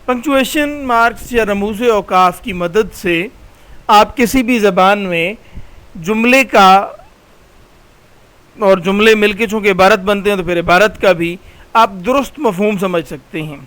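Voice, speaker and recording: A male college lecturer explains grammar over slides, patiently slowing down and repeating key terms. His voice is high and a bit bright, and the recording quality is low.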